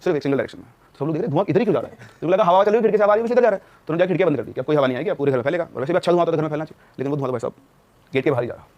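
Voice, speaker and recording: A young man tells a ghost story on a podcast at a rapid clip, his voice sitting a little high for a man. He acts out the quoted lines of each person in the story with changing voices. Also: a little mellow, muffled recording. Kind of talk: animated storytelling.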